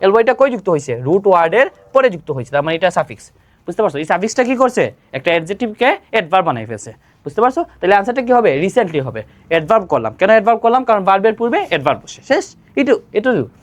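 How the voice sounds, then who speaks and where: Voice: mid-range voice, very animated, racing. An exam-prep grammar teacher, who asks students questions and answers them straight away. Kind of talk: exam-prep lesson explaining grammar rules.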